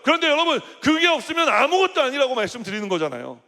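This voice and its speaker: Middle-aged pastor guy preaching, really high voice, chatty, keeps asking the crowd questions, church hall reverb. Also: very animated, quick pace, bright, forceful tone. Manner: conversational preaching, rhetorical questions, casual asides. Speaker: senior pastor. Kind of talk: sermon to a young adults' congregation.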